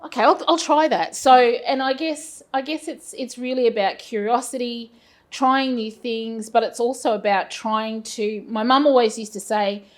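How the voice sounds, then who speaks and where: A woman's voice: on the high side, steady tone, normal speed. Chatty Australian woman in her fifties. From Brisbane, Australia. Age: 50s. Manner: rambling, self-deprecating, frequent fillers. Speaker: guest, business owner. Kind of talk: casual interview chat.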